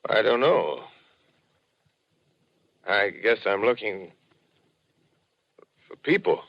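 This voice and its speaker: An actor playing a weary, educated survivor in a ruined land, speaking in solemn, measured phrases in a 1930s radio drama style. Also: male voice, lowish voice, very animated, vocal fry, full character voice. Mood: guarded, weary. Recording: dull, lo-fi 1930s radio recording.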